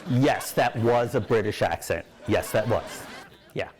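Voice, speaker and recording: A man's voice: fairly low pitch, unhurried, background noise. A man delivering a late-night comedy monologue as host, with punchline timing. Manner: punchline delivery, jumps into silly voices.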